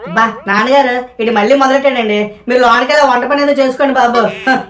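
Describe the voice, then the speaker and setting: A woman acting in a comedy sketch who talks in a quick, whiny, argumentative way. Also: sits high, over music. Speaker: comic actor playing a son. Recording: echoey room with clear noise.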